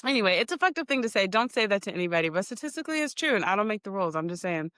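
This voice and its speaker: A woman's voice: medium pitch, sing-song, very fast, fairly bright tone, no echo, clean studio sound. A woman in her forties hosting a podcast, telling stories in a casual, chatty, profane way, with lots of laughter. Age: 40s. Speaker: podcast host. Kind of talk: casual storytelling monologue.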